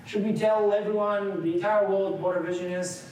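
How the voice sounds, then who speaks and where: A Bulgarian man in his forties leads an interactive seminar lecture, speaking conversationally, often restarting and putting questions to the room. His voice is high-pitched and darkish, with a steady tone and moderate pace. It's recorded from far off in a large, echoey meeting room, with slight background noise.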